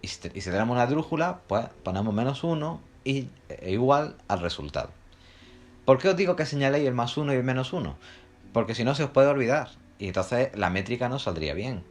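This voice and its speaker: A man's voice: mid-range voice, big pitch swings, fairly quick. A man teaching a recorded lesson, explaining step by step and answering his own questions. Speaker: literature teacher. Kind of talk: recorded lecture for students.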